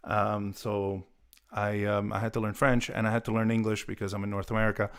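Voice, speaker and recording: A guitar channel host in his forties, Italian-born with Italian as his first language, chats casually on a live stream. His voice is fairly low and completely flat, a little fast, with many fillers and restarts.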